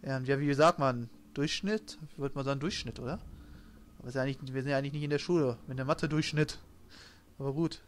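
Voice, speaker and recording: A man's voice: medium pitch, fast. A man giving casual, joking and sarcastic let's play commentary on a video game. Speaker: let's player. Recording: game gunfire and noise behind. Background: video game gunfire.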